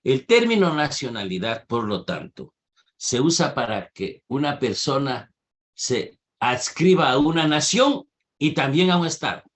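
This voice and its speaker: A man's voice: mid-range voice, very animated, measured pace. A man teaching a university class over a video call, questioning students and challenging their answers. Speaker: university lecturer. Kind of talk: online class lecture with questions.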